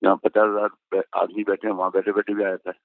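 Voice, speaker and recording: Older man, reflective interviewee, low and gravelly, heard over a thin dry line. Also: completely flat delivery, quick pace, no room sound. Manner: reflective, folksy, gives homespun advice. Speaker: advertising veteran guest. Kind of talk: interview answers. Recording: dry tinny phone-like sound.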